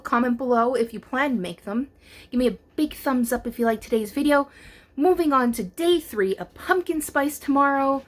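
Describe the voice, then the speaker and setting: A young woman hosting a home cooking vlog, chatty and enthusiastic as she taste-tests her baking. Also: mid-range voice. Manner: chatty and enthusiastic, talks while chewing. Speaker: food vlogger. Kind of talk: casual cooking demo and taste test.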